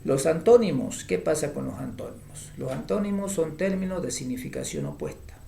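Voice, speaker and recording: A male teacher gives a slow grammar lesson, his voice gravelly and his pitch rising and falling in a lively way. He repeats each term and example and checks in with a quick "mm?". The room sounds echoey, with faint background noise.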